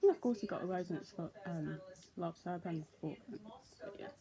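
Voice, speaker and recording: A woman's voice: on the low side, fairly quick, crowd noise, rough recording. A young woman chatting casually through a vlog, rambling with lots of "so, yeah" fillers, recorded on a tablet's built-in mic. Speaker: vlogger. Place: indoors in daylight.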